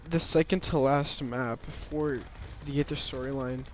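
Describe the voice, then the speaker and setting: A man's voice: mid-range voice, steady tone, measured pace, a little hiss or hum. Hesitant young man rambling his opinions. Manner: hesitant, rambling, sighing, many restarts and fillers. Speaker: gamer giving opinions. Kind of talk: casual opinion monologue.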